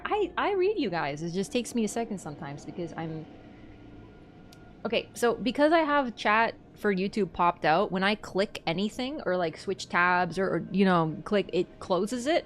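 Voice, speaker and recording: A young woman from Canada chatting on a live stream, rambling, giggly and quick to apologize. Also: mid-range voice, sing-song, a little hiss or hum. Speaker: livestreamer. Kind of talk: casual live-stream chat.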